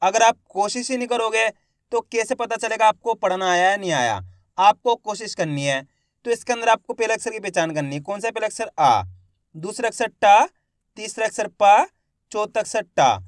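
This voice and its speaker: A man teaching Hindi reading, sounding words out slowly syllable by syllable and then repeating each whole, while he encourages viewers as friends. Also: sits high, no echo, clean studio sound.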